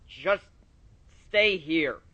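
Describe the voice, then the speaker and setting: A man voicing a surly, gruff male pegasus pony in a fan fiction reading, speaking in a low growl. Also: animated, extremely slow, sharp tone, dry recording, highs cut off, full character voice. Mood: curt.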